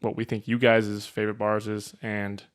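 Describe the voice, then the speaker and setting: A man's voice: on the low side, monotone, moderate pace. A man co-hosting a casual chat show, chuckling and signing off informally. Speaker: podcast co-host.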